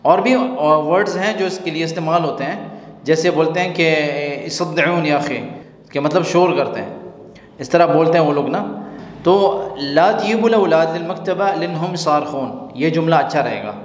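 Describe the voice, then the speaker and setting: A man teaching spoken Arabic phrases, repeating each one slowly and then explaining its meaning. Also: a little high. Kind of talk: language lesson explaining Gulf Arabic phrases in Urdu. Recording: echoey room with long reverb.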